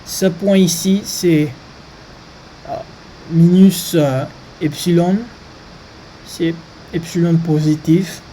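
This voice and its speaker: A maths presenter speaking French as a learned language, with a foreign accent. The delivery is extremely slow and halting, searching for words, in a soft, mellow tone. There is clear background noise in the recording. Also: medium pitch, steady tone, low-quality recording. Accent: foreign, non-native French. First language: not French. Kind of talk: informal maths lesson.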